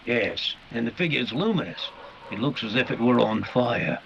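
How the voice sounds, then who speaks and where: Man playing a creaky, blunt police inspector. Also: medium pitch, expressive, normal speed, a bit bright. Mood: uneasy. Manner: blunt, colloquial working-class speech. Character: gruff, determined male police inspector. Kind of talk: 1940s radio mystery acting. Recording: dull, clearly noisy live recording.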